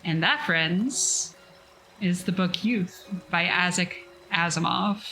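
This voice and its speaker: A woman with a bright, forward voice reads a story aloud on a cozy stream. She breaks off into chatty, self-deprecating asides to her viewers. Soft music plays in the background. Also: lowish voice, slow pace, low-quality recording. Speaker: streamer reading a book aloud. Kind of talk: casual reading stream.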